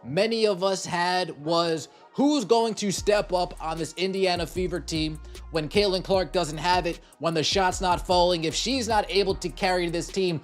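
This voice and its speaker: A man with a high-pitched voice talks through a team's prospects in casual commentary. He speaks earnestly and addresses his viewers directly. Faint music plays in the background. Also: fairly even intonation, moderate pace. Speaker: sports commentator.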